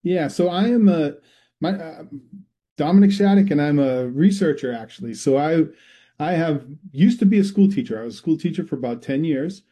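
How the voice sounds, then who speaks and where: This middle-aged public health researcher from Massachusetts, USA, has a local Massachusetts accent and a fairly high, animated, warm voice at normal speed. As a guest in a conversational interview, he answers questions in a rambling way, restarting often.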